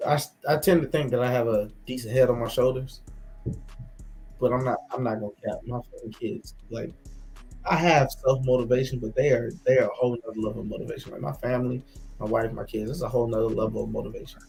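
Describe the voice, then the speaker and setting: A man's voice: mid-range voice, steady tone, fast talker, creaky, darkish tone, soft background music, rough recording. A man chatting casually and reflectively with friends as a co-host, candid and swearing freely, repeating phrases for emphasis. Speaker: co-host of a casual talk show.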